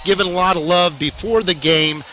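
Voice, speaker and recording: A man's voice: high-pitched, moderate pace, pushed and bright, a little hiss or hum. A man hosting a live football broadcast outdoors, chatty and conversational in his commentary. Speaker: play-by-play sports host. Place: outdoors at a high school football field.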